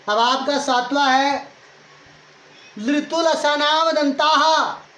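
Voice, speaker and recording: A male teacher lectures at a board, putting questions to his class and answering them himself as he repeats each point. His voice rings in a roomy, echoing space over a faint hiss of background noise. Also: high-pitched. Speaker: Sanskrit grammar teacher. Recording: echoey room with faint noise.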